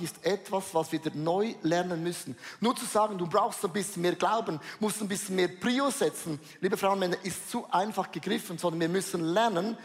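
A man preaching a sermon to a congregation. He speaks emphatically, repeats key phrases and addresses the listeners directly. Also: sits high. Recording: long reverb in a large hall.

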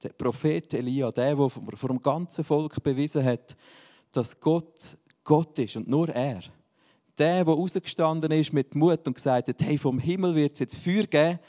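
A man's voice: on the high side, moderate pace, dark tone, long reverb tail. A man, preaching a sermon in a casual, joking style. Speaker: pastor.

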